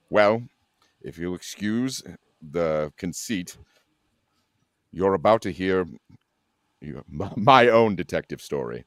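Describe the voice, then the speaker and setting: A man's voice: low-pitched, no room sound, studio quality. A man in an amateur live script read playing a dignified, easily irritated male starship captain in a formal, firm manner.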